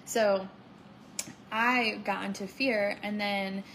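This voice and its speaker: A woman's voice: mid-range voice, steady tone, takes it slowly, fairly bright tone, a little hiss or hum, low-quality recording. A woman co-hosting a casual podcast chat, upbeat and salesy, with lots of "like" and "right?". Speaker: podcast co-host.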